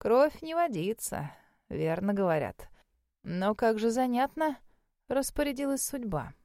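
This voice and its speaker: Old male wizard examiner, put on by a woman narrator: slow, hushed, mildly probing. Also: expressive, no echo, studio quality, natural voice. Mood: measured, musing. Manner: slow, low, murmuring delivery. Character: elderly male magic academy examiner, mild and probing.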